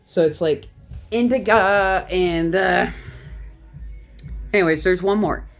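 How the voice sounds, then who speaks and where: Canadian woman vlogging, kinda low voice, swears a lot, a bit tipsy, faint music under. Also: takes it slowly. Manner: rambling, profane, animated jumps in pitch. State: tipsy from whiskey. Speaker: vlogger, horror collector. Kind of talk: casual storytelling vlog.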